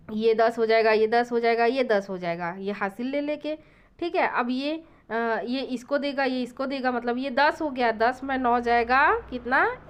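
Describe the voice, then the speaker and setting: A woman's voice: on the high side, a bit bright, smooth. A woman math teacher, explaining a classroom lesson and counting digits aloud as she goes. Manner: counts digits aloud, checks in with "thik hai". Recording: dull lo-fi recording.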